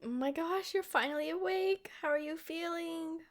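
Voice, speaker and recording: Apologetic and concerned, the woman voices the young-looking vampire girlfriend who is centuries old, speaking sweetly, affectionately and expressively to the listener in an ASMR roleplay. Her voice is very high-pitched and at normal speed.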